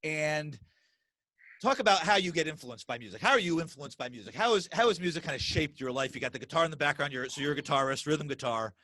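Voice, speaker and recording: Animated middle-aged podcast host, brisk rapid talker, bright tense voice, dry close sound. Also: male voice, on the high side, no echo. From US Northeast. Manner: animated, talks fast, many restarts and repeated words. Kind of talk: casual interview chat.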